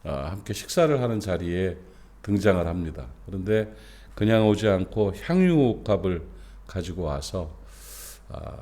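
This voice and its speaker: A middle-aged male pastor delivers a dawn sermon, his pitch swinging widely as he talks it through. He leans on fillers and rhetorical questions, then climbs in force to stress his points. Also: dark tone. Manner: conversational preaching with rhetorical questions and many fillers; rising and emphatic when stressing a point. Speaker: senior pastor.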